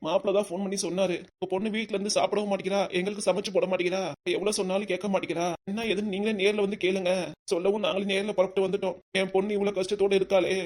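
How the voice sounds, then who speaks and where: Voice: medium pitch, a little mellow, lightly acted. A voice actor playing a caring older village father in a cartoon family drama, soothing and coaxing in manner.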